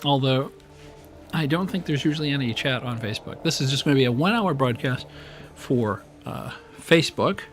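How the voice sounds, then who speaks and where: A man with a weak, strained voice live-streams a strategy game from his home desk, talking into a boom-arm mic over faint game music. Expressive and a little fast, he chats loosely and rambles, full of fillers and restarts.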